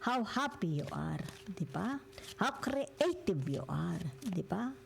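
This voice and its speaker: Gravelly older tarot reader. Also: female voice, fairly low pitch, sing-song, slow, slight background noise. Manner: peppers every phrase with questioning tag words. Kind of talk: tarot reading in mixed Tagalog and English.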